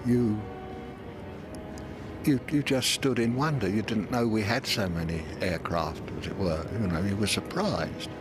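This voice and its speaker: An older man, a war veteran, recalling the past in a halting way, repeating words as he searches for them. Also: fairly low pitch, over music. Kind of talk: recalled wartime memories.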